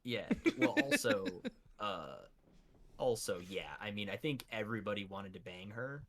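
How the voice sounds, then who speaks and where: A man's voice: lowish voice, normal speed, fairly bright tone. A man co-hosting a podcast in casual chat, joking and swearing as he talks. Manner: profane, joking banter. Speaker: podcast co-host.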